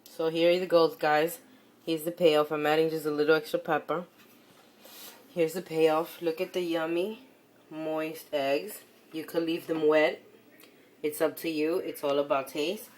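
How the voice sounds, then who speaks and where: Sizzling, stirring and clinking pans fill the noisy home kitchen as a woman hosts a cooking video at the stove. Her low, slightly mellow voice shows little pitch movement and keeps a measured pace, and she's chatty and encouraging, often repeating short phrases.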